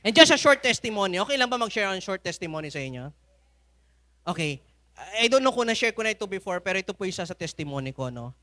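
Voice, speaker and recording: A man's voice: sits high, very animated, fast, pushed and bright. A man with a Filipino accent preaching a sermon at a church service, telling stories with humor and frequent laughter. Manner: humorous storytelling, laughs often.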